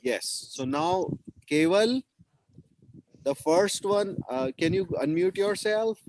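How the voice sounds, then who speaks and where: Man, teacher, online kids' class, lively and a bit high voice, encouraging, faint background noise. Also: slow. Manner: encouraging, repeats praise and questions. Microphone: video call.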